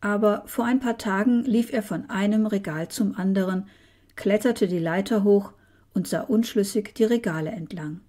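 A woman narrating a children's storybook in a gentle, measured way, sometimes half-whispered. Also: medium pitch.

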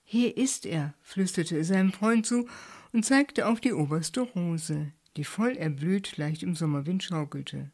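A woman reading a short story aloud in calm, measured narration. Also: lowish voice.

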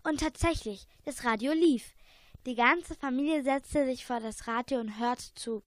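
A woman's voice: high voice, measured pace, dry recording. A young female narrator reading a youth radio play steadily, with small slips now and then.

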